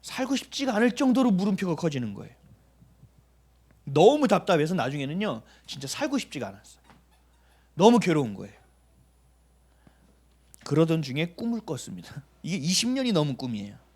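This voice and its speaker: Animated male pastor with a high voice. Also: a little fast, long pauses, husky. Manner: animated storytelling, acting out dialogue; emphatic rhetorical questions. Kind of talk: sermon.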